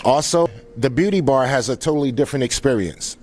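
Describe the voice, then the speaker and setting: A man's voice: medium pitch, a little fast, darkish tone. A man speaking as a founder presenting at a live event, informally welcoming guests in an earnest, grateful way.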